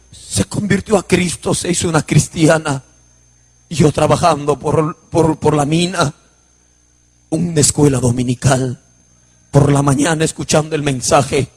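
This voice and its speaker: A man preaches his own testimony with a husky, somewhat high voice. He tells the story with emotion, in a passionate preaching cadence. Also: long reverb tail. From Huánuco, Peru. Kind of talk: sermon testimony.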